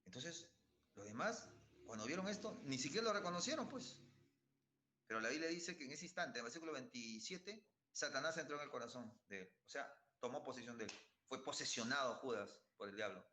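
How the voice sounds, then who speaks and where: A man's voice: medium pitch, expressive, fairly quick, sharp tone, reverberant, a little hiss or hum. A man pastor preaching a sermon, emphatic and repetitive, full of rhetorical questions.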